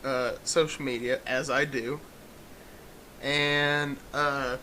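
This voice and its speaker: A man's voice: mid-range voice, flat delivery, slow, bright, forceful tone, reverberant, a little hiss or hum, poor audio. A man in casual chat on a game stream, laughing and telling stories loosely.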